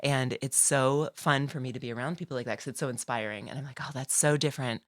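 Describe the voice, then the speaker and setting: Her voice rumbles low and moves at a quick pace, captured at studio quality with no room sound. As a guest on a podcast, this woman talks casually about her life in a relaxed interview, chatty and laughing frequently, with plenty of fillers like "like" and "you know."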